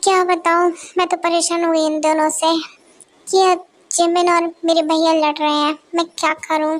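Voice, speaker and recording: Brief: woman voicing a fretful young sister, very high voice, fan audio drama. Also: little pitch movement, moderate pace. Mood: exasperated. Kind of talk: fan-dubbed romance audio story.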